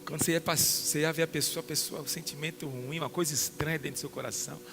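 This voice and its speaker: A Brazilian pastor with a Brazilian Portuguese accent preaching a sermon to a congregation, questioning listeners by name and building to loud emphatic peaks. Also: male voice, on the high side, fairly even intonation, rapid-fire, gravelly, over music. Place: church hall.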